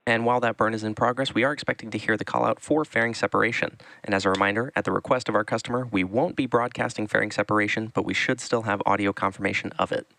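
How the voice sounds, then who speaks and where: A man giving live explanatory launch commentary as a webcast host, measured and informative. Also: lowish voice, fairly even intonation, creaky, bright, forceful tone, no echo, poor audio.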